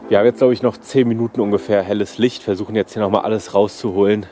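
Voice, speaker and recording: A young man in his twenties vlogging outdoors on an abandoned airfield at sunset, hurried and excited. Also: on the low side. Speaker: urban explorer vlogger. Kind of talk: casual vlog talk outdoors.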